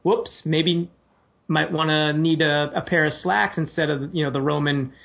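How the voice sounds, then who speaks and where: A man's voice: on the high side, fairly even intonation, moderate pace, creaky. A man co-hosting a comedic podcast, rambling in a mock-earnest way and acting out quoted voices. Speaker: podcast co-host. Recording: lo-fi podcast recording.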